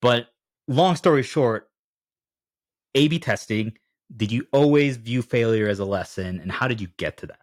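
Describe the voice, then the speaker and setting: A man hosting a casual podcast interview, talking at length in a rambling, animated way. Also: medium pitch, normal speed, dry recording, studio quality. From United States. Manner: talkative, rambling, animated storytelling. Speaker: podcast host.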